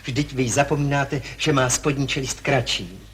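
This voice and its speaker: An actor playing a touchy, hypochondriac young landowner who argues stiffly and formally and complains of heart palpitations, in 1960s television stage acting. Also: male voice, medium pitch, a bit bright, a little hiss or hum, close to an everyday voice. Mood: argumentative. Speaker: anxious suitor in a stage comedy.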